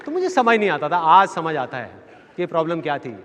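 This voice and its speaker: A man's voice: a little high, big pitch swings, fairly quick, fairly bright tone, slight background noise. A man giving a motivational seminar talk, telling stories and acting out the voices of people in them, repeating his key phrases. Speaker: motivational speaker. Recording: long hall reverb, faint audience.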